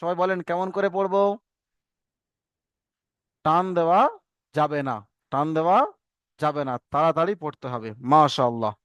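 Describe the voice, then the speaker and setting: A man's voice: a little high, normal speed, long pauses, a bit bright, smooth, no echo, clean studio sound. A man with a Bengali accent teaching an online class over a video call, patient, repeating drills and asking the class to answer together. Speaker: Quran reading teacher. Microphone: video call microphone.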